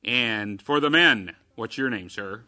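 A man hosting a children's religious radio program in a folksy, avuncular, upbeat style, like a chipper old-time ad pitch. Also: a little slow, sharp tone, no echo. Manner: avuncular, addresses children as fellas and gals.

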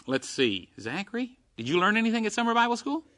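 A man hosting a children's religious radio program in a folksy, avuncular, upbeat style, like a chipper old-time ad pitch. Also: very animated, quick pace, pushed and bright, no echo, studio quality. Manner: avuncular, addresses children as fellas and gals.

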